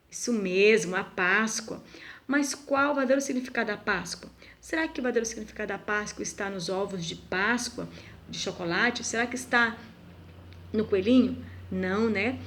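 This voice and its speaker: Higher-voiced woman teaching slowly. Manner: slow, deliberate, asks pupils rhetorical questions. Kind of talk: recorded video lesson for schoolchildren.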